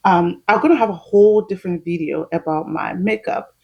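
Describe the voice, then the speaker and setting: A woman's voice: lowish voice, brisk, vocal fry, slightly rough, muffled recording. A woman, chatting casually at home while doing her makeup, laughing often as she explains each step. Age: 30s. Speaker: vlogger.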